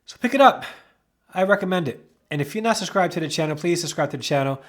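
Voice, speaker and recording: A man giving a casual product review, talking excitably with emphatic repeats and self-corrections. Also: fairly high pitch, very fast. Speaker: camera reviewer.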